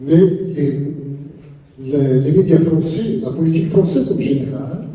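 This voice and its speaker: An older man from Kabylie in Algeria, giving a halting, deliberate conference talk that repeats words. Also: a little high, dark tone. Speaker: conference panelist. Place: large town hall conference room. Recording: echoey hall from far off.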